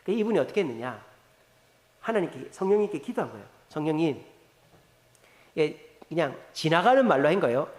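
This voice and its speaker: A man preaching a sermon, telling a story with lively, rising and falling emphasis. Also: fairly high pitch, brisk, long pauses. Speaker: pastor. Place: large church sanctuary. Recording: echoey church hall reverb.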